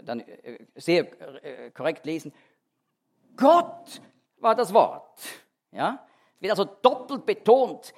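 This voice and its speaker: Animated, emphatic Bible teacher, man. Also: fairly high pitch, creaky. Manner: emphatic, explanatory, with frequent restarts. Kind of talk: expository sermon.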